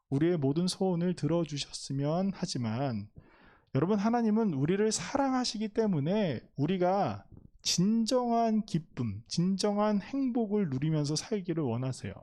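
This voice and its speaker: Young man, youth sermon, mellow tone, slightly high voice, storytelling, rhetorical questions. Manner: addresses listeners directly, storytelling with rhetorical questions. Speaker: youth pastor.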